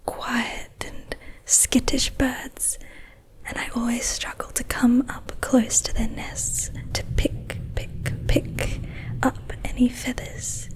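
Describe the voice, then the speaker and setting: A woman's voice: fairly high pitch, little pitch movement, low-quality recording. A woman playing a proud, mischievous leprechaun in a whispered role-play, with quaint phrases and lingering repeated words. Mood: awed, delighted. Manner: playful, haughty storybook leprechaun with quaint turns of phrase; slow, lingering repetition of words. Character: proud, mischievous leprechaun collector of trinkets and treasures.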